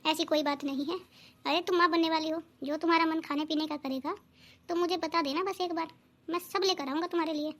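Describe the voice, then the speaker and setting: A woman voicing a gentle young husband in a cartoon, speaking softly and reassuringly. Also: extremely high pitch, steady tone, a little fast, pitched below the performer's own voice. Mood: soothing. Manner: soft, reassuring. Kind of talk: cartoon voice acting.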